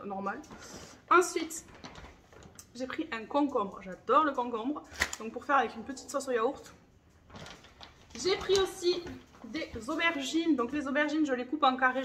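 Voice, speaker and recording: Thirties woman, high voice, chatty home-vlog delivery, faint background hiss. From France. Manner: chatty, enthusiastic, confiding. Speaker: vlogger. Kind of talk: casual grocery haul chat.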